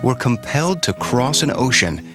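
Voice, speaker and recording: Solemn male documentary narrator; slow, deliberate reads over a music bed. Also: medium pitch, very animated. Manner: solemn and measured. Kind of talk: scripted narration.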